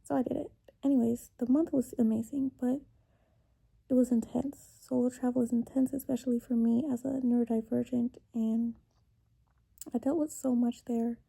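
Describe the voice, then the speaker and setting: A woman in her twenties venting confessionally to camera, halting and tearful, with long pauses and words trailing off. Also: fairly high pitch, little pitch movement, creaky, warm tone, slightly rough. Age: 20s. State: emotionally upset, tearful. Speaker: vlogger. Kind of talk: confessional personal vent to camera.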